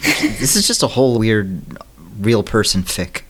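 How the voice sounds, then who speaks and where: A podcast co-host chatting casually, with deadpan, blunt jokes and stammered restarts. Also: mid-range voice, unhurried, noisy background. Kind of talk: casual chat.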